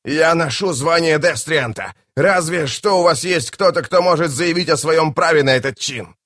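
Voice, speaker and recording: A shrill, desperate masked priest, performed by a man reading a fantasy audiobook. He shrieks his protests in a raised, indignant voice. The recording is dry and close. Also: normal speed, fairly bright tone, dry recording. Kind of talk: audiobook character voice.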